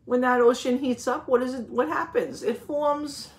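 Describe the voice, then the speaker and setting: She's a teacher sharing a picture book with young children, pausing to quiz them and confirm what they say while explaining the story. Her voice is pitched high and her tone stays steady.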